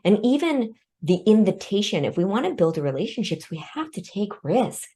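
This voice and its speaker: This woman's mid-range voice is mellow with a breathy edge, sing-song in tone and at a normal speed. Born in Vietnam and raised in the US, she is a guest expert on respect in a conversational interview, explaining her ideas through studies and her own stories, with light laughs between points.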